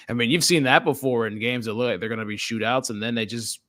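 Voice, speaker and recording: A man's voice: mid-range voice, a little fast, fairly bright tone, dry recording. A man hosting a casual sports talk show, leading the talk and quizzing his co-hosts in a joking way. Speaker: podcast host.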